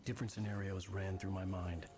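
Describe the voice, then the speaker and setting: Brief: man voicing a grim noir game narrator, low voice, loud noise behind. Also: a little fast, close to an everyday voice. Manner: grim, weary, flat. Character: brooding male writer narrating his ordeal. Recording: heavy noise underneath.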